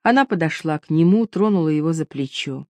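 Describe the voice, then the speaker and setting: A woman narrates a novel in an even, measured manner. Her voice sits a little low. The recording is dry and close, with no room sound. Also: no echo. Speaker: audiobook reader. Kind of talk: scripted narration.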